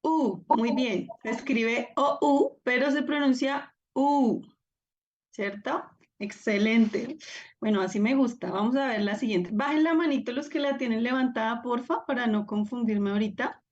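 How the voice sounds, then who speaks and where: A woman's voice: fairly high pitch, normal speed, darkish tone, highs cut off. A woman teaching a live online class, encouraging and upbeat as she calls on students by name over a video call. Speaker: Biblical Greek teacher.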